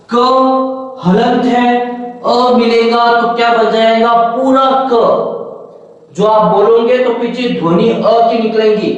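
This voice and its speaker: A man with a very high voice teaching a basic lesson, slow and deliberate, asking questions and answering them himself. He sounds far from the mic, in a strongly echoing room. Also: muffled recording. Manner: repetitive, asks questions then answers them. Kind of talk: Hindi grammar lesson.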